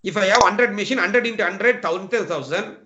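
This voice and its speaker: Over a dull, lo-fi online call, a male guest speaker with a Tamil Nadu Indian English accent lectures students in a high, fast, bright and forceful voice. Earnest and repetitive, he keeps calling them "my dear friend," and there's a little hiss or hum.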